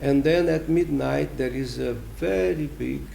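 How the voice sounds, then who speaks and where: A man with a Brazilian accent, an ambassador giving an interview, answers questions deliberately and emphatically, pausing as he explains. His mid-range voice is creaky and dark, and the rough recording has slight background noise.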